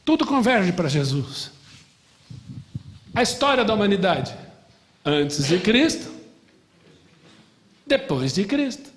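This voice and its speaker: A man from Brazil, a middle-aged pastor, teaching a lively Bible class, asking the class questions and joking. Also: sits high, slow pace, pauses often, long reverb tail. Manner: animated, asks the class questions and jokes.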